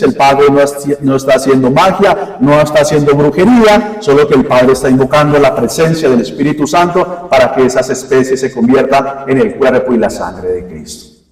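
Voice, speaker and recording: A man preaching a homily as a priest, constantly quizzing his congregation with rhetorical questions. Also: medium pitch. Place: church. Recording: echoey church hall from far off.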